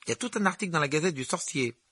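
A man voicing an eager, talkative young wizard boy who rambles excitedly. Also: on the high side, very fast, breathy edge, dry recording, voice pushed up. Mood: chatty. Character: chatty eager red-haired wizard boy.

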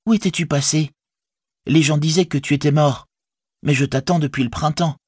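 A man's voice: on the high side, fairly even intonation, moderate pace, husky, no echo, studio quality, voice pushed up. A man reading an audiobook, voicing a spirited young female hobbit who teases and scolds. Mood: teasing. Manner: reproachful, teasing.

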